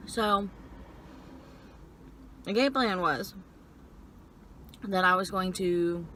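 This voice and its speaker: A young woman telling personal stories casually while eating and chewing, in halting phrases peppered with "like". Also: medium pitch, a bit bright, slight background noise. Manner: frequent filler "like", halting stop-and-start phrasing. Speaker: vlogger. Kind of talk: casual personal storytelling chat.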